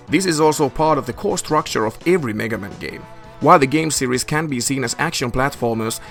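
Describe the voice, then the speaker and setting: A man's voice: mid-range voice, creaky, a bit bright. A man narrates a scripted video game review over background music. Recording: music behind the voice.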